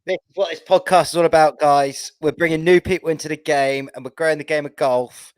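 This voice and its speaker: A man's voice: a little high, fairly even intonation, fairly quick, clean tone, no room sound. A man, co-hosting a casual podcast chat in an upbeat, cheerful way. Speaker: podcast co-host.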